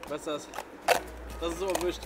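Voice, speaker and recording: A man's voice: a little high, fairly even intonation, brisk, over loud music. A young man bantering casually and bluntly outdoors during a food challenge, a little grumbling. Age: young adult. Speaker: challenge participant. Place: snowy garden, outdoors. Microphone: camera a few metres away.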